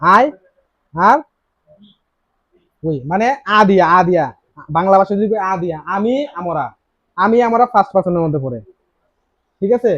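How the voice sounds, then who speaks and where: A man's voice: high voice, normal speed, long pauses, a bit bright, no echo. A man teaching a grammar lesson in with a tinge, quizzing his students with many questions and repeating key words. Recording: dry, slightly dull lo-fi sound.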